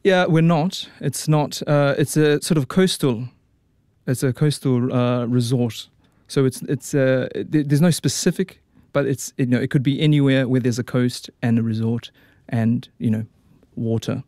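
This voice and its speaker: Kiwi opera tenor guest, dry close sound, rambly with lots of ums and restarts. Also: male voice, medium pitch, steady tone, unhurried, darkish tone, dry recording. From New Zealand. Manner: chatty, frequent fillers and restarts. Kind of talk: casual radio interview.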